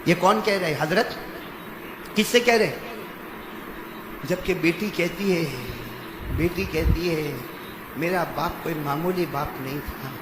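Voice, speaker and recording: A man preaching a dramatic sermon, swinging from loud shouting to hushed, quiet lines. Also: a little high, pauses often. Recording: echoey hall with loud background noise.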